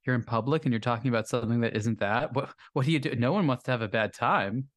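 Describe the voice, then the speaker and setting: A man from the United States co-hosting a casual podcast from a hotel room, talking in a measured, wry way. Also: mid-range voice, no echo, studio quality. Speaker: podcast co-host, watch critic.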